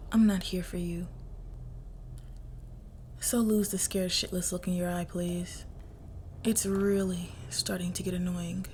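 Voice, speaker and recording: A woman acts as a cool crime heiress in an intimate, ASMR-style scripted roleplay monologue, speaking very slowly in a lowish, natural, even and controlled voice. Her mocking, condescending teasing carries quiet menace and breathy asides, with some noise behind her.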